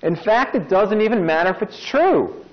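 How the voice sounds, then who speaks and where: A man hosts a casual self-help talk. His slightly high voice swings up and down as he talks, and he slips in dry jokes. The recording sounds dull and lo-fi. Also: normal speed. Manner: wry jokey asides, lively delivery. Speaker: podcast host.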